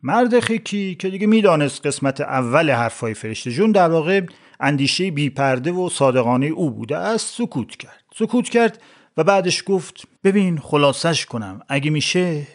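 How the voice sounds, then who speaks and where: A man's voice: fairly high pitch, animated. A man narrating a satirical story in a wry, sardonic manner with conversational asides.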